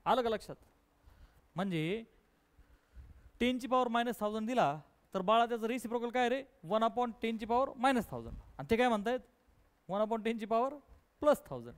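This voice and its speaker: A man with a Marathi accent teaching a maths class live, coaxing and prodding his students to answer quickly. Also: very high voice, expressive.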